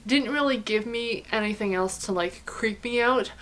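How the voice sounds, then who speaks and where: A young woman vlogger telling a casual storytime, animated and chatty, with lots of "like" and frequent swearing. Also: fairly high pitch, moderate pace. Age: young adult.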